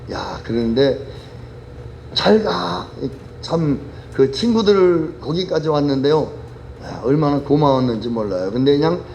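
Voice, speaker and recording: Male pastor, high voice, very animated delivery, sermon storytelling. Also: gravelly, a little hiss or hum. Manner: animated storytelling with vivid voice changes.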